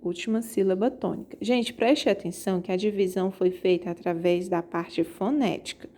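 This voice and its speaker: A woman's voice: medium pitch, steady tone, dark tone. A woman teaching a poetry lesson to her students, explaining step by step and often checking in with them. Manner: explains slowly, checks in with "tá certo?"; reads verses aloud slowly. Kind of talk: remote class lesson.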